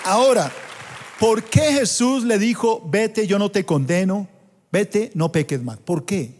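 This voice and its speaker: A man with a Colombian accent preaching a sermon as pastor in a large church auditorium, emphatic and slowing down to stress scripture quotes. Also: high voice, a little mellow, a faint crowd, slight background noise. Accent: Colombian Spanish. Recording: long hall reverb.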